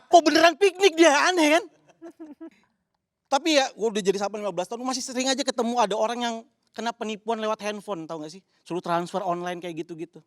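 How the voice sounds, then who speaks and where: A man's voice: high-pitched, very fast, no echo. A male comedian doing a punchy stand-up set, acting out characters in his bits.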